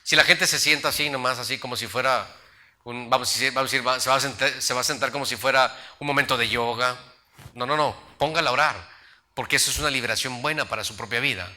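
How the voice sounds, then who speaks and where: Pastor preaching, really bright voice, tells stories and does the voices. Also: male voice, medium pitch, quick pace. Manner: storytelling preacher, acts out voices in his anecdotes. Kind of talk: sermon.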